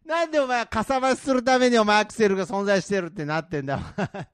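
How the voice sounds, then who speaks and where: A man's voice: sits high, fast talker, clean tone, no echo, studio quality. A man bantering in a comedy duo, firing back incredulous retorts and bluntly tagging on a "you" at the end of his lines.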